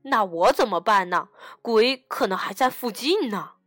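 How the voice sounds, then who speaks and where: Woman voicing a flustered bunny father, storybook, bright tone, slow. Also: mid-range voice, lively intonation, dry recording, soft background music. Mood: worried.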